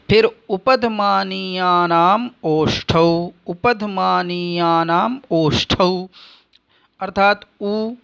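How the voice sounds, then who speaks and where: Slow, high-voiced man teaching Sanskrit sounds. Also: fairly bright tone, dull audio. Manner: drawn-out demonstration of sounds and recited rules. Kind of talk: phonetics lesson.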